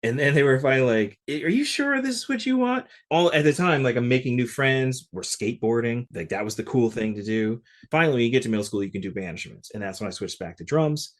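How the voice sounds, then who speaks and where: A man from Connecticut, a session percussionist, telling stories in a relaxed interview with lots of "like" fillers. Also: mid-range voice, quick pace, few pauses. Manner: relaxed, chatty, frequent "like" fillers. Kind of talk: casual interview storytelling.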